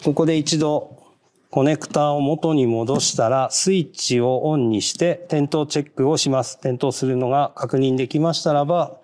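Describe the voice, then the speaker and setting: A man giving a polite, measured, step-by-step how-to narration on fitting car parts, marking each step with a short "hai". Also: fairly high pitch, a little mellow. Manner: polite, measured, repeats "hai" between steps. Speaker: product installation instructor.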